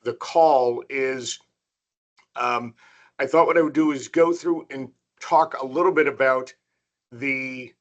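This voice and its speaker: An American man presents as a panelist on an online call. His voice is crisp-edged and bright at an average male pitch. He explains informally and in a measured way, restarting phrases as he goes. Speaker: panelist, political analyst. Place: online video meeting.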